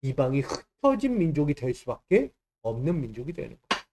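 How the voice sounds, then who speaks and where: A male pastor preaches with a soft, mellow tone. He drives his points home, posing questions to the congregation and answering them at once. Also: mid-range voice, very animated, a little fast. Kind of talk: sermon.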